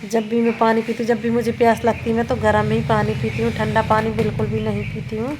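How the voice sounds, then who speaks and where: A woman in her thirties talks through her day in a rambling, chatty way, with a slightly high voice that stays fairly even in pitch. Her throat is sore, and she keeps correcting her own slips. Faint household ambience sits behind her. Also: fast, noisy background. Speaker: vlogger. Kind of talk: casual home vlog narration. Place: home kitchen and rooftop.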